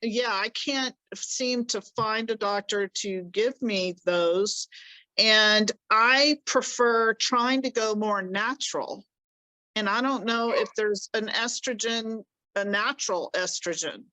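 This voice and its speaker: A woman in her sixties asks hesitant, earnest questions at a slow pace. Her voice is bright and close. The sound is dry, with no room around it. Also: medium pitch, no room sound, poor audio. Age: 60s. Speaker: caller asking questions. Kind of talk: casual panel chat.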